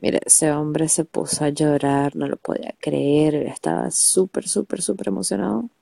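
Brief: Venezuelan woman, nasal and stuffy, lowish mellow voice, dry close sound, profane storyteller. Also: normal speed, vocal fry, no echo. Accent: Venezuelan Spanish. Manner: profane, animated storytelling full of slang. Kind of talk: casual storytime monologue. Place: under a quilt at home.

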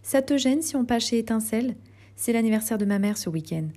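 Caring young female friend in an audiobook, soft and concerned, mellow and breathy, as a woman narrator puts her on. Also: fairly high pitch, animated, fairly quick. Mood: casual.

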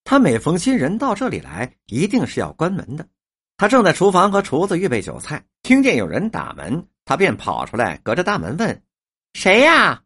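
A woman narrating a novel in a storyteller's lively cadence. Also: deep voice, fairly quick, breathy edge.

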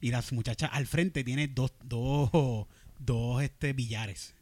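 A comedian with a Puerto Rican accent telling stories in casual chat and laughing often. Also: male voice, mid-range voice, slow. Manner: animated storytelling, laughs often.

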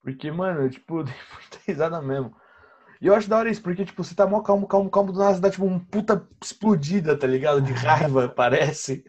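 A man's voice: on the high side, fast, darkish tone, dull audio. A young Brazilian man hosting a casual podcast, talking as an eager, slangy fan with lots of fillers.

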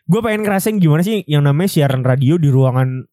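A man's voice: on the high side, lively intonation, quick pace, dark tone, dry recording, studio quality. A young man with a Jakarta accent hosting a podcast, telling a story in slangy, joshing chat and often repeating his phrases. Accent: Jakarta Indonesian. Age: young adult. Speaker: podcast host.

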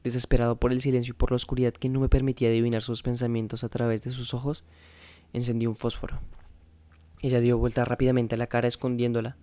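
A man reading a novel aloud in the first person, with measured, intense storytelling. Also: mid-range voice, completely flat delivery, dark tone, dry recording. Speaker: narrator.

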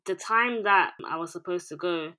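A woman who directs and produces music videos appears as a guest in a casual interview conversation. She speaks calmly and evenly at normal speed in a level, lowish voice, a delivery she herself calls monotone.

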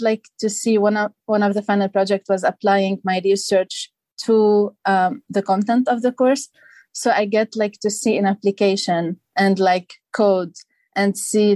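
A woman's voice: medium pitch, darkish tone, no echo. A young woman from Lebanon, a guest on an interview podcast, explaining her studies thoughtfully with many fillers. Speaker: guest, PhD candidate. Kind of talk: casual interview.

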